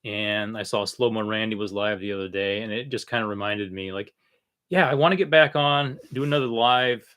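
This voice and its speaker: Bright-voiced man chatting haltingly on a livestream. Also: lowish voice, smooth. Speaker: livestream host. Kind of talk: casual unscripted livestream chat.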